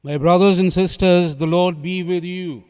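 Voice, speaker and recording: Priest preaching slow, high-ish clear voice, big cathedral echo. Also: male voice, fairly even intonation, darkish tone. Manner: slow, measured, solemn delivery. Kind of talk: gospel reading and homily. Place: large church basilica. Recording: long reverb from the church hall.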